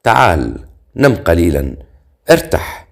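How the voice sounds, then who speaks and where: Ilaria: a soft-spoken, caring immortal woman in a storybook, read by a man in a low voice. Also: expressive, normal speed. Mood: gentle.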